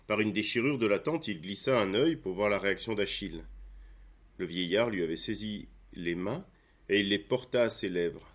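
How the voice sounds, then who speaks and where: Low-voiced man narrating a storybook. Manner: measured, expressive reading.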